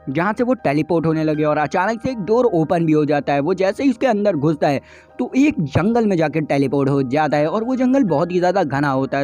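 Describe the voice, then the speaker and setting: A man's voice: a little high, darkish tone. A man casually recapping an anime episode for viewers, chatty and joking, with asides to the audience. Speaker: anime explainer YouTuber.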